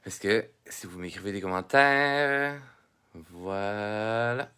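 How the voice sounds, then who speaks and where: A man's voice: on the low side, slow, bright, forceful tone, smooth. A man with a Québécois French accent giving a live-streamed drawing lesson, chatting with viewers, greeting them by name and laughing often. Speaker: drawing teacher.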